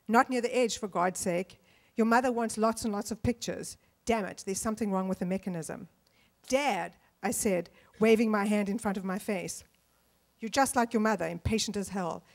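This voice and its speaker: A woman from South Africa reads from her novel on a panel stage, speaking into a handheld microphone. Between passages she talks haltingly with many ums and uhs. The sound is of a large auditorium. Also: mid-range voice. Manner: hesitant, filler-heavy between readings. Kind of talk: literary reading on a panel. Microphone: handheld mic.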